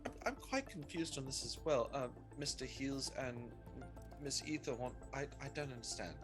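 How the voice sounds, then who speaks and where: A man's voice: mid-range voice, normal speed, over music. A man playing a tabletop game, stammering through his lines. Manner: stammering, lively. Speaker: player. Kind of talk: casual tabletop role-play.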